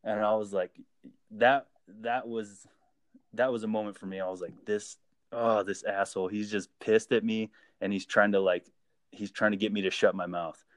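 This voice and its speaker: A man, a guest and army veteran, tells stories in a casual, relaxed and profane way, acting out the dialogue as he goes. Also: on the low side, moderate pace, dry recording, studio quality. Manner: lively anecdote-telling, acting out quoted dialogue; relaxed and profane, with frequent fillers. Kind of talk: casual spoken storytelling.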